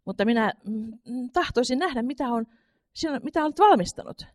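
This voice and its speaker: A woman's voice: fairly high pitch, lively intonation, darkish tone, pitched above the performer's own voice, lightly acted. A woman voicing a curious, eager eight-year-old girl in a read-aloud storybook, pleading and wheedling.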